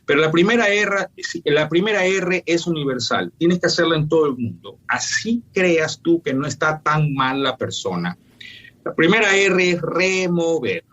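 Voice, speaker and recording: A man speaks as a doctor in an interview, his voice husky and pitched a little high. He explains in a firm, teacherly way, listing his points one by one. The recording sounds dull and lo-fi. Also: animated, normal speed, fairly bright tone. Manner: emphatic, didactic, lists points firmly. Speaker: functional medicine doctor.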